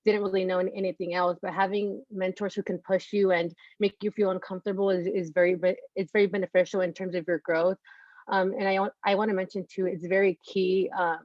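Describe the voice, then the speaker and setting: Flat-voiced woman panelist, dry lo-fi sound. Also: medium pitch, a little fast, no echo. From California. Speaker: graduate student panelist. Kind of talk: casual panel answer.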